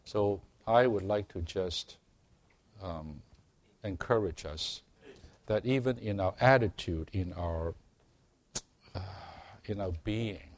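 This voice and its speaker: A man preaching a sermon to a congregation, earnest and unhurried, growing emphatic as he reads and explains scripture. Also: on the low side. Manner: slow, earnest, calls for amens, rising to emphatic preaching.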